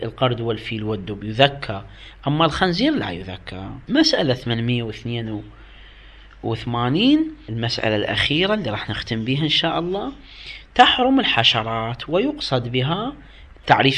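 Animated Iraqi man teaching a class. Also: medium pitch. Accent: Iraqi Arabic. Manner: explains with questions to students, shifts between reading and dialect. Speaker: religious studies teacher. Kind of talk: seminary lecture on jurisprudence.

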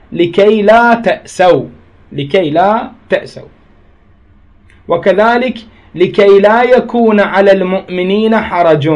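Male teacher, high pitched, patient and repetitive explainer. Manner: reads a passage, then re-explains it with repeated examples. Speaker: Arabic grammar teacher. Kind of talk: explaining a grammar text line by line.

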